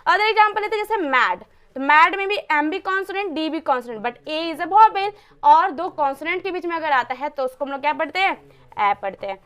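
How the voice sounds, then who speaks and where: A woman's voice: high-pitched, expressive, a little fast, a bit bright. A woman teaching English pronunciation in a classroom style, asking herself questions and answering them, and spelling words out letter by letter. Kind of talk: classroom-style lesson explaining pronunciation rules.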